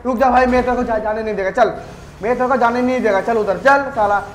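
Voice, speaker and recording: A man giving live gameplay commentary as a gaming YouTuber, excitable and trash-talking rivals with swearing. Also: very high voice, quick pace, echoey room, low-quality recording.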